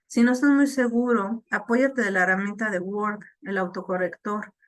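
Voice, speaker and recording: A woman's voice: mid-range voice, fairly even intonation, normal speed, no room sound. A woman teacher explaining a lesson to her class, checking in often with "ok?". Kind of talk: online class lecture.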